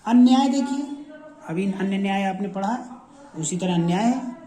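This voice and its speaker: A man teaching a shorthand lesson, repeating each example word several times as he walks through the rules. His voice is dark and mellow. He is recorded in a roomy space with plenty of echo. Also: sits high, expressive, normal speed. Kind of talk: classroom lesson. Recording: echoey room.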